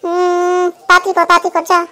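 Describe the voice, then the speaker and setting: A woman voicing a fussing, worried goddess mother in a cartoon, with a scolding, hurried manner. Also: extremely high pitch, completely flat delivery, pushed and bright. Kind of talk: cartoon voice acting.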